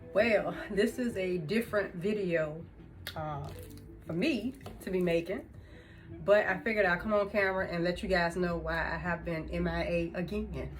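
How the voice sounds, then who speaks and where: A woman's voice: fairly low pitch, a little slow, soft background music. A woman in her fifties chatting casually to camera as a vlogger, laughing often between thoughts. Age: 50s. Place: indoors, room with music she turned off.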